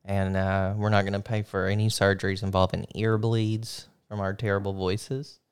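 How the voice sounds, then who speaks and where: A man's voice: fairly low pitch, flat delivery, moderate pace, clean tone. A man co-hosting a podcast in casual chat, joking and playful. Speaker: podcast co-host.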